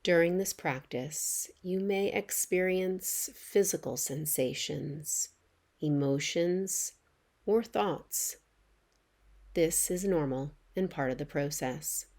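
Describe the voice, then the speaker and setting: A woman who guides yoga nidra meditation talks listeners through relaxation in a low, gentle and soothing voice. She goes very slowly and measuredly, pausing between short phrases.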